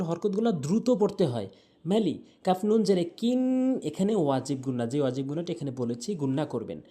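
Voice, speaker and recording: A man teaching Quran recitation, who patiently explains each sound and repeats syllables slowly. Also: fairly high pitch, dark tone. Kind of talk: instructional talk on pronunciation.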